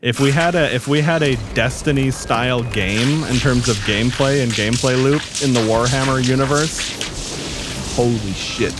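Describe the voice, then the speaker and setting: A man giving casual live commentary as he plays a video game, calling out quick warnings to teammates. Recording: game music behind the voice. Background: game music and vehicle rumble.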